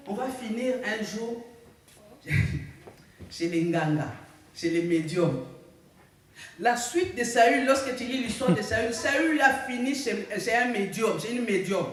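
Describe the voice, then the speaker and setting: In a mid-range voice, a woman pastor preaches and frequently calls "Alléluia" to draw a response from her congregation, who answer "Amen". Slight background noise is present, and the far-off mic makes the recording very echoey.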